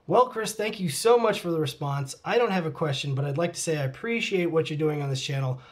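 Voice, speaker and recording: Speaking fast in a voice on the high side, a middle-aged man answers fan questions for his channel from home, his cat nearby. The mood is casual, with plenty of laughter and muttered asides between the comments he reads.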